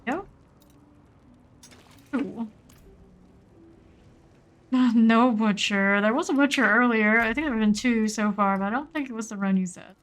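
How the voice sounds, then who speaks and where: A woman's voice: a little high, normal speed, pauses often, a bit bright. A woman giving casual live gameplay commentary, muttering in short clipped fragments as she thinks aloud. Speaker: game streamer.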